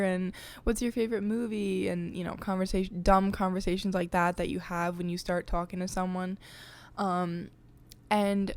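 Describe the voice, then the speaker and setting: A young woman hosts her own podcast, chatting confidingly into a desk mic with lots of filler words. Her voice is lowish and smooth.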